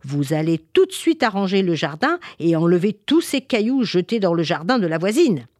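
A woman's voice: on the low side, big pitch swings, normal speed, darkish tone, no room sound, clean studio sound. A woman voicing a panicked mother who scolds her children in a storybook tale. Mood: scolding. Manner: exclamatory, rising questions.

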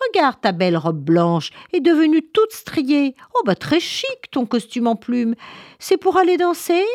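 A woman puts on a squeaky, sing-song savanna animal from a storybook, mocking and chirpy. The voice sits far above her own and rides up and down playfully, recorded close and dry. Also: big pitch swings, unhurried, dry recording, full character voice.

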